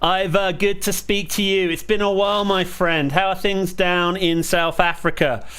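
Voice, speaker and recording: A man's voice: high-pitched, fairly even intonation, moderate pace, background noise. A middle-aged man hosting as an amateur radio operator, courteously calling and explaining into a close desk microphone. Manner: repetitive phonetic call signs, courteous. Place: small indoor radio room. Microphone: close desk studio microphone.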